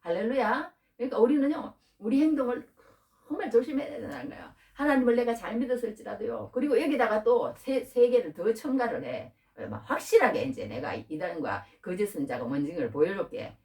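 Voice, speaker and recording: A middle-aged woman preaching a sermon, asking the listeners rhetorical questions in an informal, lively way. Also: a little high, fairly quick. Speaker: pastor. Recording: distant from the mic.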